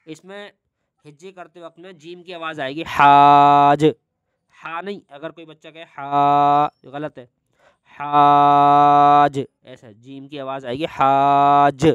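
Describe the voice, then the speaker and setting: A man with an Indian Urdu accent leads a reading lesson, stretching every syllable slowly and dropping into brisk explanations between them. His voice is very clear and ringing, held fairly even in pitch. The sound is dry and close, with no room echo. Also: muffled recording. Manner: drawn-out syllable-by-syllable spelling, quick asides in between. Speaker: Quran reading teacher. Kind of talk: slow spelling-out recitation lesson.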